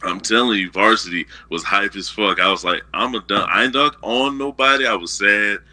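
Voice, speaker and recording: A man in casual chat, telling stories in an animated, profane way. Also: fairly low pitch, fairly quick.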